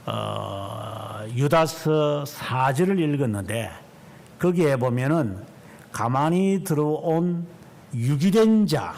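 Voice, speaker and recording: A man over fifty, a pastor delivering a sermon in church, emphatic and drawing out key words slowly. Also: fairly high pitch, darkish tone.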